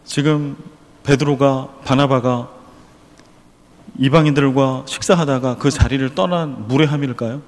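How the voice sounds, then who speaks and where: A man's voice: mid-range voice, steady tone, unhurried. Earnest preaching man in a reverberant church. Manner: earnest preaching with rhetorical questions and prayer. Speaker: pastor. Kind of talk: sermon.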